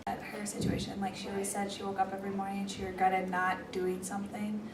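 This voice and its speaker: A teenage girl, a student, giving a thoughtful, measured interview reaction. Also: mid-range voice, monotone. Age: teens. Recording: roomy echo, distant mic, background noise.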